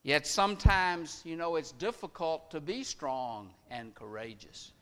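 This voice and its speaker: A male pastor preaching a sermon slowly and deliberately, letting his voice sink soft at the ends of phrases. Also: on the high side, clear, resonant tone, in a large hall. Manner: slow, deliberate preaching with dramatic drops in volume.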